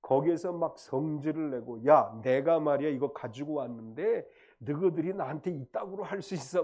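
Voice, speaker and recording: Lively, mellow-voiced Korean pastor preaching. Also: male voice, a little high. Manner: explaining word meanings, rising and falling emphasis. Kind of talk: sermon. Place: church sanctuary.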